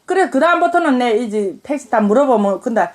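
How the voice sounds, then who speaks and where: A woman's voice: a little high, lively intonation, fairly quick, darkish tone. A middle-aged woman with a North Korean accent, chatting casually with her daughter and laughing as she tries out regional dialects. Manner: giggly, imitates dialect phrases. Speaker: mother co-hosting a talk channel.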